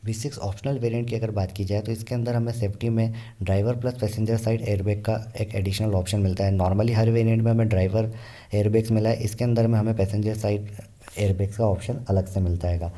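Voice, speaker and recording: A man's voice: on the low side, fairly even intonation, quick pace, dark tone. A man explaining car variants in a car review, steadily listing features one by one.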